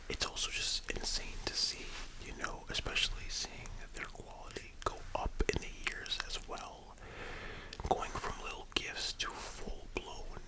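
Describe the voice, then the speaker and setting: A young man giving a casual, musing ASMR monologue in a soft, breathy library whisper, with halting delivery. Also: very high voice, low-quality recording. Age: young adult. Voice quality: hushed, breathy unvoiced whisper. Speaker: ASMR video host.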